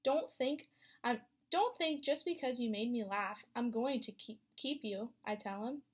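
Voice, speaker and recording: Speaking at a measured pace in a fairly high voice, a young student teacher reads a picture book aloud to her class. She tells the story with expression and pauses to ask the children questions.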